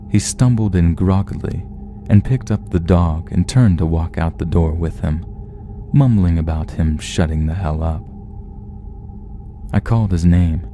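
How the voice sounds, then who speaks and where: Deep, slow horror story narrator. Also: male voice, mellow. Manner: slow, measured, somber. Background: faint music.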